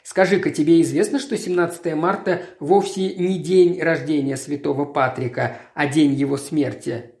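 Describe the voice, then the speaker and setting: A woman reading the lines of an earnest man, a writer, speaking in a calm, explanatory way. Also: low voice, normal speed. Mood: chatty. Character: earnest male writer, compassionate then angry. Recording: roomy echo.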